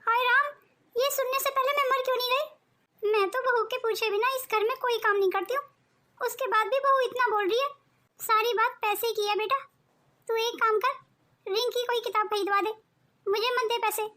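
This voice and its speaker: A woman voicing a scheming, cruel older mother-in-law in an animated cartoon, with theatrical self-pity and gloating taunts. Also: very high-pitched.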